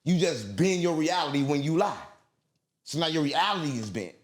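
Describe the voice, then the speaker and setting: A sing-song male voice on the high side, moving at a moderate pace. The interview guest rambles through a conspiratorial monologue, repeating himself emphatically in profane street slang.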